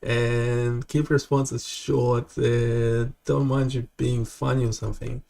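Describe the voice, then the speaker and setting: A man hosting a live development stream, talking casually and haltingly, with many fillers and restarts. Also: mid-range voice, little pitch movement, gravelly, warm tone.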